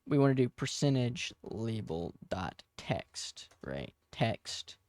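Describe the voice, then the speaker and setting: A man's voice: fairly low pitch, big pitch swings, takes it slowly, darkish tone, no echo, clean studio sound. A man of twenty talking through his game code in a casual, rambling way, full of fillers and self-corrections. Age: 20s. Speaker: game dev tutorial host. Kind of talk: casual coding tutorial with storytelling.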